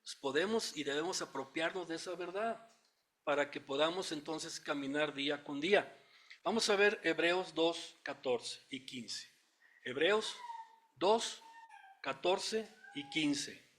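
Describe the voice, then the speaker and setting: Mexican guy preaching bible study, kinda high voice, reads verses slow and thinks out loud. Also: expressive. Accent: Mexican Spanish. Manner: teacherly, thinks aloud with fillers and asides; reads scripture aloud slowly. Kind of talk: expository Bible study sermon.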